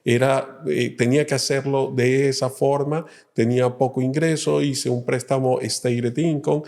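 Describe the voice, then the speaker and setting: Calm middle-aged man from Colombia. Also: medium pitch, measured pace, gravelly. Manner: calm, explanatory, many fillers. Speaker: loan officer guest. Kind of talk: interview answers.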